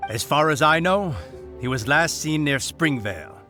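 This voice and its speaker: A plain, helpful townsperson; bright, crisp, matter-of-fact. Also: male voice, a little high, expressive, normal speed, faint music behind.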